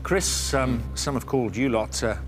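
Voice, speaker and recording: A man's voice: medium pitch, normal speed, faint music behind. Upbeat male quiz show host. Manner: upbeat, theatrical announcing. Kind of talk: studio game-show presenting.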